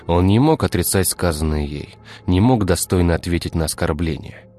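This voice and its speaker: A man narrating an audiobook in a measured, even storytelling manner. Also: sits low, faint music behind.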